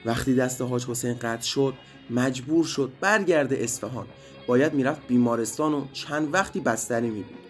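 A man narrating a story for children, lively and addressing the kids directly. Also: medium pitch. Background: faint music.

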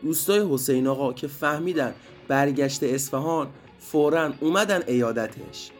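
A man narrating a story for children, lively and addressing the kids directly. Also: fairly high pitch. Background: faint music.

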